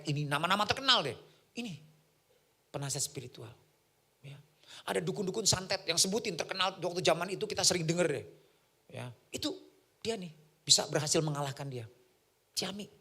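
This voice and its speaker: A man preaching a sermon, telling a personal story in an animated way and acting out the voices of the people in it. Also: a little high, husky. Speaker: pastor.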